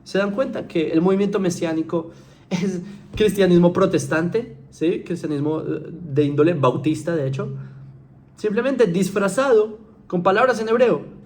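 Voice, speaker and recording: Chatty man lecturing, slightly high voice. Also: moderate pace, darkish tone, slight background noise. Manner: conversational, keeps asking "¿sí?" to check understanding; frequent fillers and restarts, mocking mimicry. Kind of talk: informal recorded lecture to viewers.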